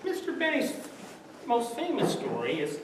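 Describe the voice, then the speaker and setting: A man telling a comic story on stage, lively and laughing through his punchlines, recorded from far off in a large room. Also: extremely high pitch, normal speed. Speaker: comedian. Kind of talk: stand-up storytelling. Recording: echoey hall from far off, noisy.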